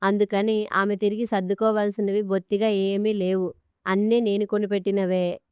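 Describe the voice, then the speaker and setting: A woman's voice: medium pitch, little pitch movement, normal speed, darkish tone, clean tone, no echo, clean studio sound, close to an everyday voice. A woman reading an audiobook story, voicing a stern, commanding older father-in-law. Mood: firm. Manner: commanding, blunt.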